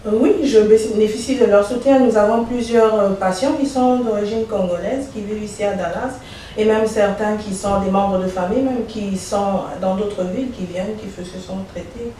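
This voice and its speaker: A woman's voice: mid-range voice, fairly even intonation, moderate pace, mellow. Distant, echoey woman answering questions. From Belgium. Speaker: dentist, interview guest. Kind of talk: interview answers. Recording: echoey room, voice from far off, faint noise.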